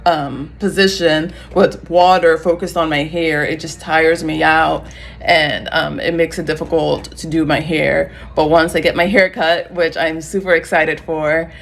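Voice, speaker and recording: A young woman vlogging casually to her phone camera at home, rambling with lots of fillers and rushing when nervous. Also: low voice, little pitch movement, creaky. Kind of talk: casual vlog talk to camera. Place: home, on a couch.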